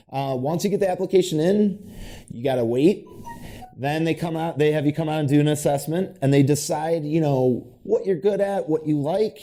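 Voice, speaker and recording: A man with a very bright, sharp tone talks in an easygoing, folksy way. He explains support programs as if chatting with a friend, and his voice sits a little high for a man. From United States. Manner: relaxed, folksy and conversational. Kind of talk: casual informational chat.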